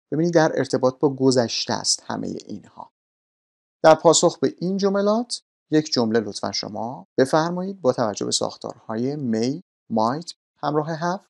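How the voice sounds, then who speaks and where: Man teaching grammar, patient and polite, with a gravelly edge. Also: medium pitch, darkish tone. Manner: patient, polite, clearly explaining. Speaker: English teacher. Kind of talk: explaining grammar lesson in Persian.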